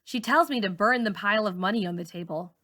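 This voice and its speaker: A woman reads a novel aloud like a teacher to a class, narrating a first-person story. Her mid-pitched, bright voice has a forceful edge, her delivery is expressive, and she talks fast.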